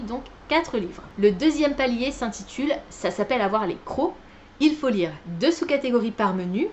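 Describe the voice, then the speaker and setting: Woman book vlogger, tired and chatty, pitched a bit high, slightly dull recording. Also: a little hiss or hum. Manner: chatty, many fillers and self-corrections. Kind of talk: casual chat.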